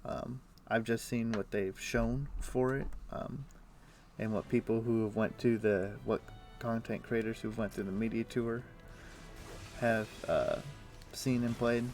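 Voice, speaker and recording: An unhurried young man with a darkish mid-range voice and fairly even intonation streams a game from his home. He chats casually with frequent fillers and restarts as music plays behind him.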